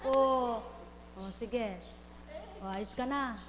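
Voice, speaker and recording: A woman's voice: a little high, very slow, long reverb tail, a crowd in the background. A woman faith healer at a live healing session, teasing and questioning a patient with short, repeated questions.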